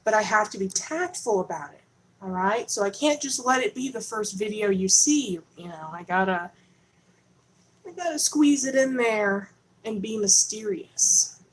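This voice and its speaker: Unhurried and mid-range, the host's voice comes through a low-quality recording with slight background noise. She livestreams from her home in Texas, speaking casually into a camera on a holder in a chatty, conspiratorial, self-interrupting ramble.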